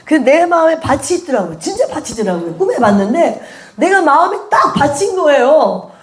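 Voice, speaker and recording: A woman's voice: high-pitched, a little fast, echoey room, a little hiss or hum. A woman teaching a church class on prayer, telling her own story with lots of laughter and acted-out prayers. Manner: animated storytelling, laughs often, acts out prayers. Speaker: prophecy school teacher. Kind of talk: sermon-style teaching with personal testimony.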